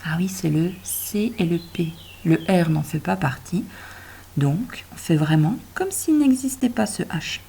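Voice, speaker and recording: Slow gentle woman teaching children. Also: fairly low pitch, expressive, vocal fry, slight background noise. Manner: slow, gentle, addresses the child directly, stretches words out. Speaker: primary school teacher. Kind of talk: reading and handwriting lesson for children.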